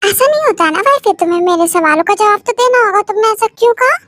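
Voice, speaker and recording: A woman's voice: extremely high pitch, lively intonation, fast talker, a bit bright, no echo. A woman voicing a playful young husband who sulks dramatically at his wife, in a fan audio love story. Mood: teasing. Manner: playful, melodramatic sulking.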